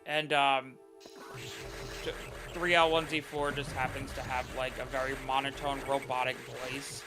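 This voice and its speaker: A man streaming a game and chatting casually in a rambling, halting way, over game music. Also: mid-range voice, flat delivery. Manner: rambling, halting, many fillers and restarts. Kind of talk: casual chat while playing a game.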